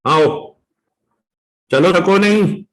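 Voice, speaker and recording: A man with a Pakistani accent teaching an online law revision class, drawing out the legal phrases slowly and coaxing his students along. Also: sits high, a bit bright, low-quality recording. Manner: mixes Hindi-Urdu with English legal terms, coaxing students; slow and drawn out when reading points aloud. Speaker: law lecturer.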